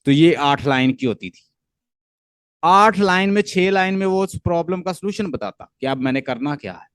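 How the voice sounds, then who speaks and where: A man's voice: a little high, expressive, normal speed, a bit bright, clean tone, no room sound. A man with a Pakistani accent giving an online literature lecture, explaining step by step, repeating points and mixing English terms into his speech. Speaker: literature teacher.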